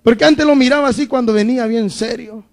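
Man, preacher, very high voice, dramatic sermon, hushed to shouting. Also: quick pace.

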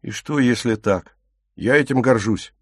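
A man reading an audiobook, voicing a hot-headed, bitter teenage boy in loud angry tirades. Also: mid-range voice, unhurried, dry recording, studio quality. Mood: defiant.

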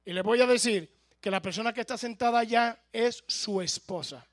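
A man's voice: very high voice, normal speed, dry recording, clean studio sound. A male pastor preaching in a church, telling a humorous story and speaking directly to the congregation.

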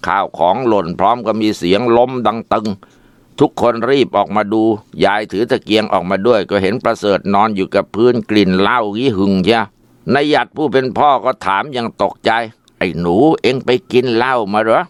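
A man narrating a ghost story in a steady storytelling delivery. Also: fairly low pitch, a little fast, clear, resonant tone, no echo.

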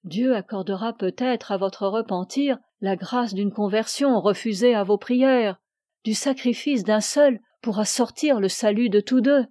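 A man's voice: high-pitched, unhurried, warm tone, dry recording, clean studio sound. A woman reading the part of an aging ascetic priest who preaches with solemn fervor. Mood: grave. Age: older. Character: aging ascetic male priest, imperious and pleading.

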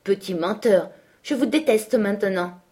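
A woman's voice: mid-range voice, lively intonation, measured pace, warm tone, slightly rough. A woman playing an earnest, fiery teenage girl. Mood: indignant. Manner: eager, indignant.

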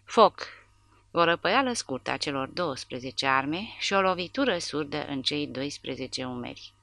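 A woman narrating an audiobook in a measured, dramatic reading. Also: low voice, lively intonation, gravelly, sharp tone, no room sound. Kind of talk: scripted narration.

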